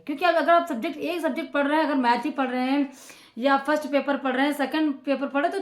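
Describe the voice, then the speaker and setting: A woman teacher giving informal study advice to students, in a chatty way that repeats phrases and fills pauses with "ok". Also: high-pitched, reverberant. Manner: conversational, repeats phrases with frequent fillers and "ok".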